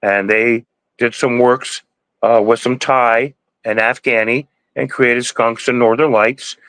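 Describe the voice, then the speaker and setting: Speaking slowly with fairly even intonation, a man in his sixties talks in a medium-pitched, smooth and fairly bright tone. He's a cannabis breeder on a podcast, giving casual interview talk that rambles, preaches and restarts a lot. No echo, but the recording is rough.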